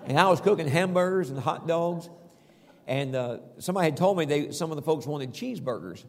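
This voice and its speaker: Preacher guy, raspy fry in the voice, homey stories, echoey hall. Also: fairly high pitch, lively intonation, a little fast. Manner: folksy preaching with Scripture readings. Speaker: pastor. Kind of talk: sermon.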